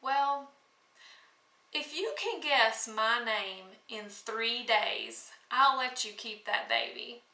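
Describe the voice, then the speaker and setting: A sly little magical man from a storybook, put on by a woman reader, taunting and insistent. The voice sits high and bright. It is recorded in an echoey room with the mic set back at a distance. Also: slow, heavily acted. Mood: demanding.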